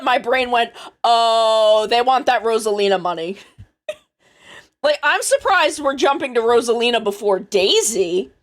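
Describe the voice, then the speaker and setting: A woman streamer talking slowly and loosely, her pitch swinging up and down as she thinks aloud. She rambles, backtracks and swears casually, with a slightly high voice. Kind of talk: casual live-stream chat.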